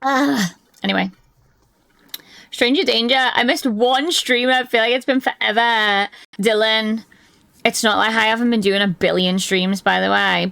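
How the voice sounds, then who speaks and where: A woman streamer with a hoarse, gravelly voice chats casually with her live viewers from her desk, rambling and laughing often. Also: fairly high pitch, fairly bright tone, no echo. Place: at a desk indoors.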